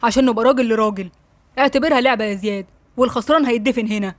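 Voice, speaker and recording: A woman with an Egyptian accent voicing a hot-tempered young husband, blunt and brisk. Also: a little high, dry recording, natural voice. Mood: grim taunting. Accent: Egyptian Arabic.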